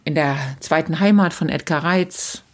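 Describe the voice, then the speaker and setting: A woman in her fifties from Germany, an actress telling frank, lively stories in an interview with many fillers. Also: low-pitched, normal speed. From Germany, Solingen. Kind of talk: conversational interview, personal anecdotes.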